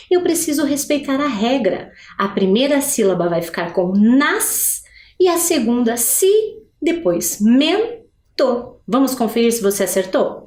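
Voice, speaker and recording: Woman teacher, bright and animated pitch, slow careful word drills, roomy echo. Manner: slow, drawn-out pronunciation of example words; asks questions to the viewers, frequent "né?". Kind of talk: recorded video lesson for adult learners. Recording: echoey room.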